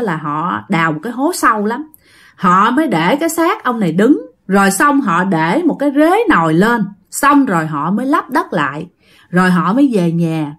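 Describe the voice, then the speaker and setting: A woman with a Southern Vietnamese accent narrating a ghost story in a chatty storytelling style, often speaking straight to her listeners. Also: medium pitch. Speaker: storyteller host.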